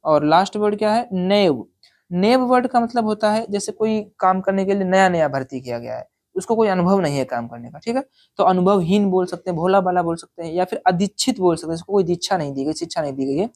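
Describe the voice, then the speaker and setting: A woman teaching an exam-prep English lesson. She reads English sentences out slowly, explains each one in Hindi, and keeps checking in with the listener. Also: lowish voice, darkish tone.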